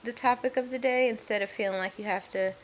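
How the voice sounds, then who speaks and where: A talkative woman co-hosting a podcast, her voice sitting a touch on the high side. She chats casually and laughs easily, bouncing between jokes and advice. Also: fairly even intonation, fast talker, a little hiss or hum. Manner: bubbly, talkative, laughs often. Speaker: podcast co-host. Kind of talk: casual chat.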